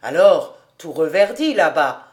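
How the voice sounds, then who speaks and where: A woman reading an audiobook, voicing a jolly bachelor man who teases loudly and laughs a lot. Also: low-pitched, very animated, unhurried, pitched below the performer's own voice. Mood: warm. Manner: boisterous, teasing, laughing.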